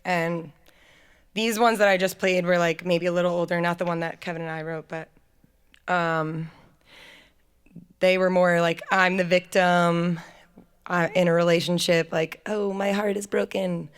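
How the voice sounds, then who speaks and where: A woman's voice: lowish voice, flat delivery, a little slow, pauses often, clear, resonant tone. A singer-songwriter woman chatting onstage at a live show between songs, playful and self-mocking. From United States. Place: live music venue with audience.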